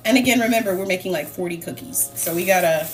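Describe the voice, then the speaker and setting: A woman's voice: lowish voice, fast talker. A woman hosts a cooking livestream, chatting freely with her viewers as she works. She laughs often and answers the live chat, with faint music playing behind her. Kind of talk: casual chat while cooking.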